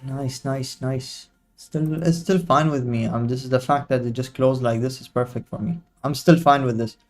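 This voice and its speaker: In this casual live commentary, a young trading streamer jokes around with his audience using slang. He speaks at a moderate pace in a mid-range, fairly even voice, with faint music playing behind him.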